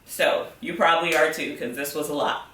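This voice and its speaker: A woman's voice: low-pitched, fairly even intonation, moderate pace, a bit bright, a little hiss or hum. A young woman giving chatty money advice straight to her viewers, casual and direct, with fillers and small laughs. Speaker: budgeting vlogger. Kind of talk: casual talk to camera. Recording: roomy sound from a distance.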